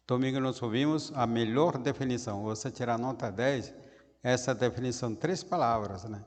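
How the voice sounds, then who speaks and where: A priest giving a daily homily in simple, halting phrases, often tagging lines with a questioning "né?"; Portuguese is not his first language. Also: mid-range voice, big-room sound. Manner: halting, frequent "né?" tags, simple broken phrasing.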